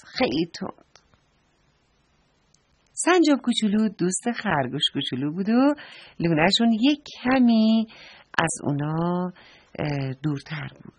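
A woman narrating a bedtime story to children, talking to them directly in a gentle way. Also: medium pitch, husky, no echo. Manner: warm, addresses the children directly.

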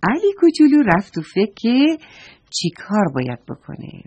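A woman's voice: a little high, huge pitch swings, a little mellow, husky. A woman narrating a children's story, speaking affectionately and directly to the children listening. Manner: playful self-correction.

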